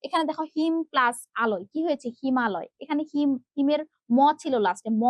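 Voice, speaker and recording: A young woman with a high voice and a Bangladeshi Bengali accent teaches an online grammar lesson, explaining step by step and often checking that her students follow. The recording is dry and close, with a slightly dull, muffled sound. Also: no room sound. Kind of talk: online class lecture.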